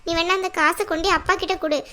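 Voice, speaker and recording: A woman voicing a worried middle-aged mother in a cartoon who scolds and pleads for calm. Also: extremely high pitch, quick pace. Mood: scolding. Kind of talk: cartoon voice acting.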